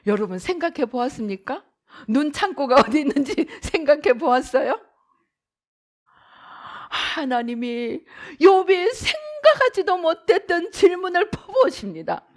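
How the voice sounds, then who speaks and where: A woman's voice: high voice, big pitch swings, measured pace. A middle-aged woman pastor giving a dramatic sermon, acting out the voices she quotes.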